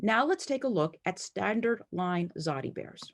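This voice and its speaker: A woman's voice: mid-range voice, lively intonation, normal speed. A woman from the United States giving a friendly, enthusiastic presentation over slides from home. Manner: friendly, enthusiastic, lightly playful. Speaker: collector presenting a talk.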